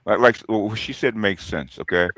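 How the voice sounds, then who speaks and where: A man talking casually and opinionatedly, repeating himself in a halting but emphatic way. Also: on the low side, a bit bright, no room sound. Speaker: talk show panelist.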